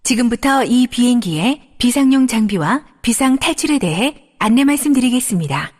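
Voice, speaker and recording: High-pitched woman, plane cabin announcement, formal and polite, lilting intonation. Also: animated, normal speed, darkish tone. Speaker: flight attendant announcer.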